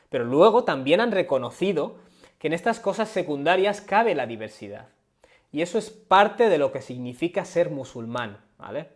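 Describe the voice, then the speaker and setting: A man teaching on a live stream, explaining step by step and often checking in with his listeners. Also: fairly high pitch. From Spain. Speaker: Islamic studies teacher. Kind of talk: live-stream lecture with questions. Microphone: webcam or phone on a live stream.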